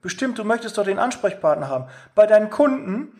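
Brief: man, sales coach, high voice, direct and emphatic, acts out dialogue. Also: big pitch swings, fast, a little mellow. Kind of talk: motivational talk on sales.

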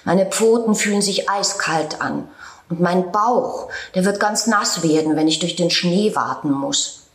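A lonely, worn-out old school tomcat speaks in a soft, wistful storybook voice, put on by a woman narrator. He sounds gentle and pleading. The room around him echoes. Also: fairly low pitch, a little slow, lightly acted. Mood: miserable. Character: shabby lonely aging male school tomcat. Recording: roomy echo.

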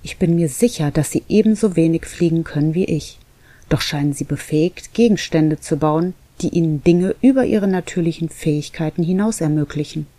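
Reader voicing a brooding storybook cat, earnest, dreamy, warm mellow tone, dry close sound. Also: medium pitch, brisk, no room sound, close to an everyday voice. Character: brooding thoughtful young cat. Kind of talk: audiobook reading.

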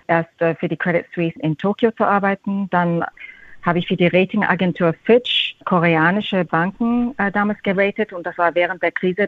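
A middle-aged woman with an English-tinged accent, a fund manager answering interview questions haltingly, repeating words and slipping into English terms. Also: on the low side, no echo. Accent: English-tinged German. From half Austrian, half Japanese. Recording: tinny phone-like line.

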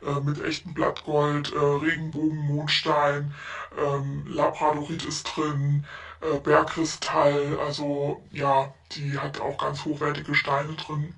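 A woman leaving a chatty, gushing voice message as a seller of spiritual crafts, her voice disguised and lowered by a voice changer. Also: monotone, slow, vocal fry, distant mic. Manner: chatty, gushing, frequent "ne?" tags. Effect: voice changer lowering her voice to sound deeper and disguised.

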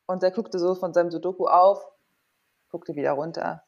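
Here the same kind of speaker, a thirty-something woman who was once an athlete and now works as a sports psychologist, tells personal stories informally and openly, thinking out loud as an interview guest. She talks at a moderate pace in a lowish, steady, creaky voice. The lo-fi recording carries background noise.

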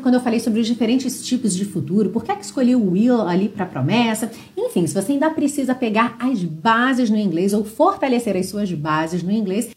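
A Brazilian woman teaching English online, pitching her course and drilling pronunciation slowly. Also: darkish tone. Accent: Brazilian Portuguese.

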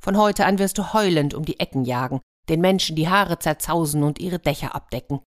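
A woman's voice: low-pitched, brisk, lightly acted. A woman voicing an old mother star who fusses over her children and scolds them. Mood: scolding. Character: old mother star, caring then stern.

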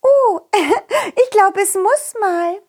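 A woman voicing a cheerful, giggly young princess in a children's story, in a high, sing-song voice. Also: lively intonation, drawn-out words, a little mellow, heavily acted.

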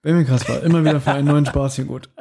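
A man's voice: medium pitch, rapid-fire, creaky, a little hiss or hum. A man co-hosting a podcast, chatting casually and animatedly about a radio play, often laughing and acting out scenes. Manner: animated, laughing, quoting scenes in put-on voices. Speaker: podcast co-host.

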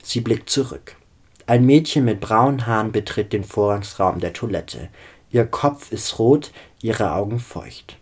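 A man narrating a story in a calm, even reading. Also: lowish voice, unhurried, slightly rough.

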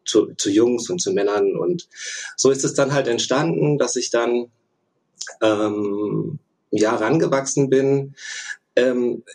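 A man's voice: mid-range voice, takes it slowly, gravelly, darkish tone, low-quality recording. A man in his thirties, a podcast guest, telling his story in a hesitant, thoughtful way with many fillers. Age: 30s. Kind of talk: casual interview chat.

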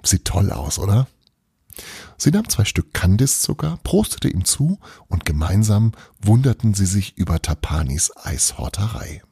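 A man narrating a children's storybook in an expressive, lively way, hosting an advent podcast. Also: fairly low pitch, normal speed, few pauses, breathy edge, dry recording, studio quality.

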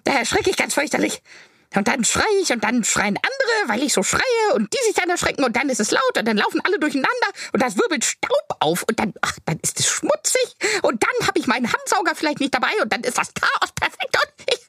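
A woman's voice: high voice, wildly swooping pitch, fairly quick, few pauses, fairly bright tone, no echo, clean studio sound, heavily acted. Woman playing a pompous fussy man. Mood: anxious. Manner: self-important, pedantic, rambling when anxious. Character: pompous fussy self-important man who fears chaos. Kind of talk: comedic character sketch.

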